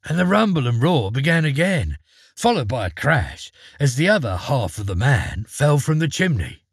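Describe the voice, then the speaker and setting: A male storyteller reads a fairy tale in a dramatic, expressive way, and his voice rises and falls widely. The tone is husky, and the recording is dry and close with no room sound. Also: mid-range voice, normal speed, no room sound.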